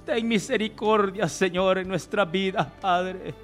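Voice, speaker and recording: Backed by music, a male preacher delivers an ardent Pentecostal healing prayer packed with pleas, exclamations and repeated praise. His voice sits high and fairly bright, with fairly even intonation and a slightly slow pace.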